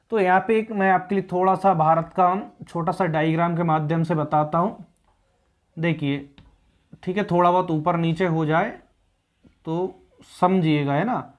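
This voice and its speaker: A man teaching an exam-prep grammar lesson, patient and explanatory, repeating key points with many check-ins to the viewer. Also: high voice.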